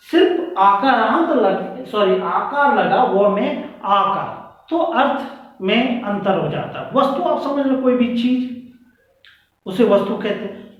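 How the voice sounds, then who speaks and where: A man teaching a grammar lesson, repeating words slowly and quizzing his listeners. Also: high voice. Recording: echoey, distant, dull room sound.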